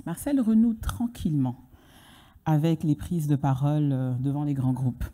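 A woman host introducing the closing speaker on stage with a handheld microphone, slow and heartfelt. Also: low-pitched, mellow. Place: conference stage.

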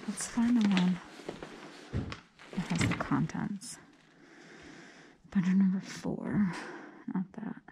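A woman with a fairly low, slightly mellow voice walks through an old house at an auction, talking to her camera as a vintage paper reseller. Chatty and gushing over her finds, she sometimes drops to a whisper to read. It's a casual walk-through vlog shot on a body-worn action camera, with slight background noise.

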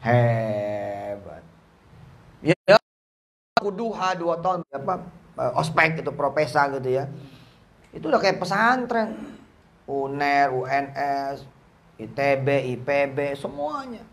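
A man preaching a lively, joking sermon at a boarding school gathering, telling stories in casual speech. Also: takes it slowly, long pauses. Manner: jokey, acts out quoted voices with big pitch jumps.

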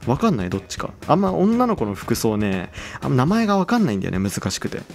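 A young man chatting casually as he plays a game, excitable and quick to exclaim over what he sees. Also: medium pitch, creaky, soft background music. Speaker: game channel host.

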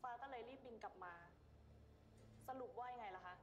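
A woman's voice: fairly high pitch, fairly quick, highs cut off, natural voice. An actress playing a confrontational mother who questions her daughter's partner in a pointed, scornful way in a TV drama. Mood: cold. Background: clear drama score.

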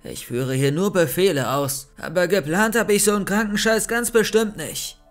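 A defensive young henchman in debt, pleading that he only follows orders, read by a man. His voice sits fairly high over faint music. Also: moderate pace, lightly acted.

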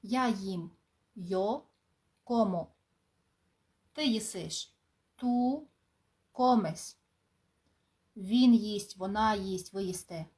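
A woman teaching a beginner lesson, calmly drilling words and endings with pauses for practice and occasional light asides. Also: medium pitch. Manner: clear, drawn-out drilling with pauses, warm asides and laughs. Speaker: language teacher. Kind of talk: slow, patient spoken lesson.

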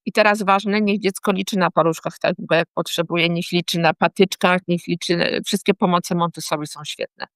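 A woman's voice: on the low side, moderate pace, few pauses, no echo. A woman teacher explaining warning signs of dyslexia to parents and teachers, often checking in with short tag questions. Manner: lively, checks in with tag questions like "tak?" and "hmm?".

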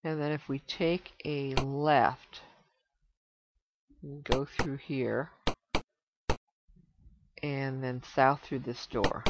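A woman hosting a let's play of an old computer game, relaxed and thinking aloud as she reads the game's text. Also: very deep voice, drawn-out words, long pauses, noisy background. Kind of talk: casual game commentary. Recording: slightly dull lo-fi desktop recording.

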